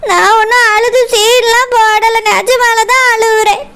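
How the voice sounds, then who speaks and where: A woman's voice: extremely high pitch, steady tone, brisk, sharp tone. A woman voicing a tearful young wife in a cartoon, with a Kanyakumari Tamil accent, crying and pleading. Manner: crying and pleading, defending her mother. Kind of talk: cartoon voice acting.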